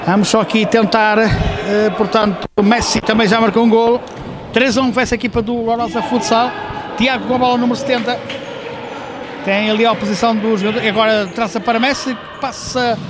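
Male futsal commentator, high voice, hesitant live play-by-play with self-corrections, recorded in a noisy sports hall. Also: fairly even intonation, fairly quick. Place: indoor sports hall during a match. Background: gym noise, ball bounces.

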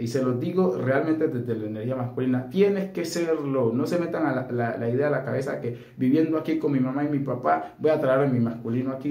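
A man's voice: mid-range voice, warm tone. Blunt, earnest man in an echoey room. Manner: earnest and blunt, often asking "¿sí?" for assent. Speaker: spiritual coach. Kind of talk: direct-to-camera spiritual advice.

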